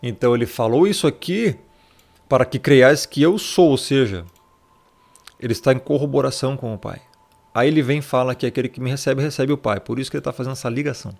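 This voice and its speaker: A fast-talking man with a gravelly, middle-pitched voice leads a casual Bible study over a shared screen, taking the scripture point by point. He keeps it chatty, tossing in tag questions and calling the listener brother.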